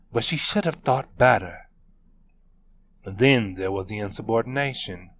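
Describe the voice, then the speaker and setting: Guy reading his own web novel aloud, slow and steady, mid voice. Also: mid-range voice. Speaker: author narrator. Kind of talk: scripted narration of a web novel.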